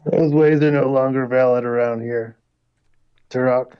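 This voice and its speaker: Brief: proud, defiant adventurer, played by a man, smooth voice, dull lo-fi recording. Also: mid-range voice, steady tone, a little slow, lightly acted. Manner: solemn, defiant declarations. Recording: dull lo-fi audio.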